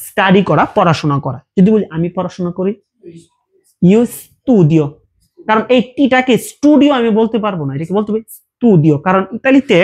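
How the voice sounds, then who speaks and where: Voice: mid-range voice, darkish tone. A teacher giving a casual language lesson, explaining verb forms patiently with repeated examples and check questions.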